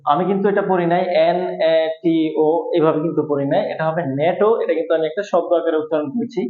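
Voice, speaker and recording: A man teaching an English lesson at a board, explaining slowly and repeating each point. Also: on the high side. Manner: slow, repetitive explaining, spelling out letters. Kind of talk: whiteboard lesson. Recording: echoey room, tinny phone-like sound.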